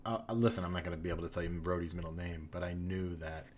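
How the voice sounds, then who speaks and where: A man co-hosting a podcast in casual chat, telling excited fan memories and swearing now and then. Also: low-pitched, very fast, slight background noise. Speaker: podcast co-host.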